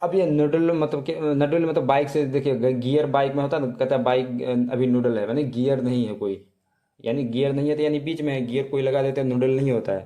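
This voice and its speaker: A man's voice: medium pitch, fairly even intonation, warm tone. Guy teaching words, says each one over and over, lots of umms. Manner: repeats words slowly, with fillers. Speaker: language teacher. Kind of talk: casual spoken lesson.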